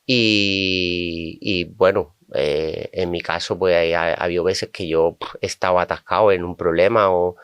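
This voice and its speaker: A man from Spain with a low, smooth and resonant voice tells stories from his coaching work. He often acts out his clients' words in quick asides. The studio sound is dry and close. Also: dry recording. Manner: animated, quotes clients in asides. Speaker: coach and guest. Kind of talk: conversational storytelling.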